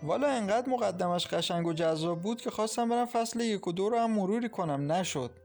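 A male narrator raising his pitch to play a bold young bride-to-be, earnest and playful. Her voice sits higher than his own and stays lively, as a character in an audiobook. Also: soft background music.

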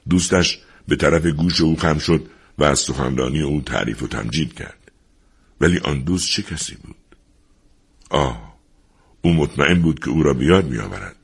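A man reading a story aloud in a slow, measured storybook narration with a husky voice. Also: extremely low pitch.

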